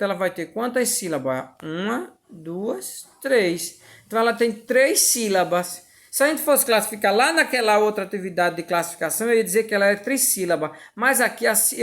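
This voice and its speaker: A woman teacher with a Brazilian Portuguese accent explaining a school lesson step by step, patient and repetitive, often checking that students follow. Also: medium pitch.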